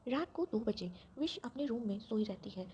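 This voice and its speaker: A woman narrating an audio love story in a steady, plain way, on a dull lo-fi recording. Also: a little high, moderate pace, a little hiss or hum.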